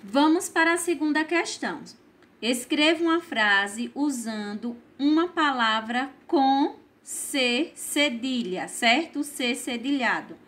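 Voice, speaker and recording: A woman with a Brazilian Portuguese accent teaching a primary school class, explaining each exercise slowly and patiently and checking in with "certo?" after her points. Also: high voice, animated, a bit bright. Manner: slow, patient, tags lines with "certo?". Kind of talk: recorded remote class lesson.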